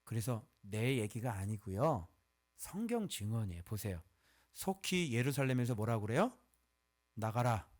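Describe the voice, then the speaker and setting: A male pastor preaching a sermon. He talks conversationally and switches between loud outbursts and hushed asides. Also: medium pitch, sing-song, moderate pace.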